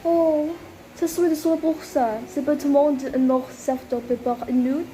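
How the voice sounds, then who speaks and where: A polite young waitress in a student role-play, played by a young woman from Indonesia. Her voice sits high but sounds mellow and soft. Light music plays underneath. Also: steady tone, moderate pace, natural voice. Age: 20s. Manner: polite, careful learner's French. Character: polite young female restaurant server. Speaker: student playing a restaurant server.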